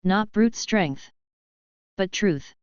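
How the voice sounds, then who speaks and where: A woman voicing a gentle, quietly persuasive man in a fan-fiction audio story. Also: mid-range voice, expressive, drawn-out words, smooth, no room sound. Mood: earnest. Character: gentle light-side man, calm persuader. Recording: slightly dull, dry recording.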